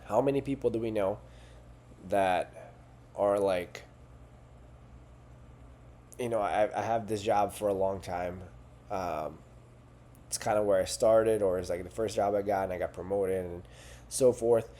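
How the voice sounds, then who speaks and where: A man with a fairly low, mellow voice speaks as a coach. He talks in an earnest, conversational way and checks in with the listener often. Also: a little slow, long pauses. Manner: earnest, conversational, with fillers and rhetorical "right?". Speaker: fitness coach. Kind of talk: coaching talk to camera.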